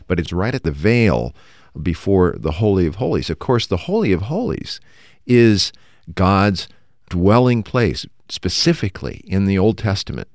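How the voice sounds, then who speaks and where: A man's voice: low-pitched, lively intonation, a little slow, darkish tone, no echo, studio quality. A man co-hosting a Bible discussion show, explaining points thoughtfully with occasional fillers. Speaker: radio show co-host.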